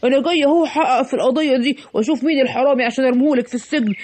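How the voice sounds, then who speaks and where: A woman's voice: sits high, very fast, darkish tone, a little hiss or hum, lightly acted. A woman with an Egyptian accent voicing a stern male lion police officer in a children's cartoon, scolding and giving orders. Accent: Egyptian Arabic.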